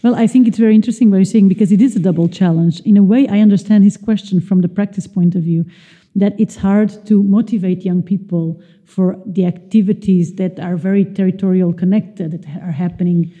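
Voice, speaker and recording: A woman's voice: mid-range voice, fairly even intonation, brisk, dark tone, breathy edge, highs cut off. A woman hosting a conversational interview, explaining her points at some length and checking in with her listener. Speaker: interview host.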